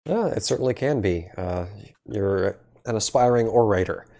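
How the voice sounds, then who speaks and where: A man's voice: lowish voice, expressive, normal speed, dark tone. A man hosting a podcast, chatting casually and joking with his guests, with frequent filler words. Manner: easygoing, joking, lots of filler ums. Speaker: podcast host. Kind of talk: casual chat.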